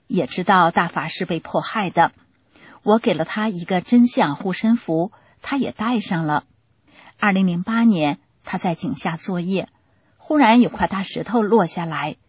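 A woman reads out a scripted testimony. Her voice is low-pitched, husky and breathy, and the dry, close recording has no room sound. She keeps a steady, plain storytelling manner. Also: no room sound.

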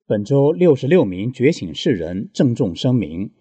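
A man reading scripted news in a steady, formal way. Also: medium pitch, normal speed, dry recording, dull audio. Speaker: news reader.

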